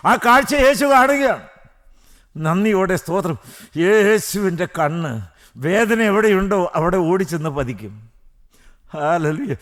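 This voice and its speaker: Male preacher, high voice, fervent sermon, goes from hushed to shouting hallelujah. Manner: fervent, swings between soft hush and loud cries, repeated hallelujahs.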